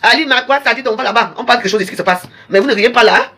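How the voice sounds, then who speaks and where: Fast, husky woman ranting. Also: a little high, a bit bright. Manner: emphatic, repetitive, lecturing viewers. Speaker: live streamer. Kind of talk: live-stream rant to viewers.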